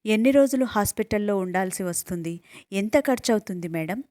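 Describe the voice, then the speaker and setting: A woman's voice: mid-range voice, animated, a little fast, dark tone, natural voice. A woman reads out an anxious young son with a lilt, pleading and worried in a storybook telling. The voice stays level and close, in a dry room with no echo. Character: young village man, anxious son of a sick father.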